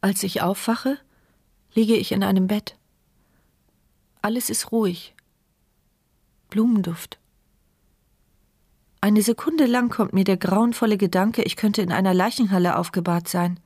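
A woman's voice: mid-range voice, unhurried, pauses often, a little mellow, dry recording, studio quality. An actress narrating as a frightened young woman in a wheelchair who cannot speak, in a tense inner monologue for a German radio play. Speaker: first-person narrator and heroine.

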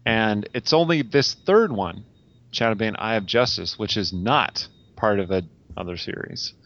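Low-voiced man on a dull, lo-fi line. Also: lively intonation, measured pace, fairly bright tone. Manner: chatty, self-deprecating, lots of ums. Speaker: novelist guest. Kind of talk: casual podcast chat.

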